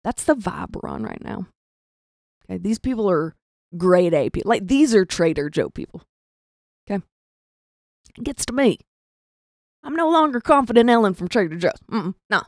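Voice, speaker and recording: A woman's voice: mid-range voice, sing-song, moderate pace, vocal fry, pauses often, a little mellow, no room sound, clean studio sound. A young woman, telling a comic story in a self-deprecating way and acting out the voices of the people in it. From rural American South. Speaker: comedian storyteller. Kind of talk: comedic storytelling.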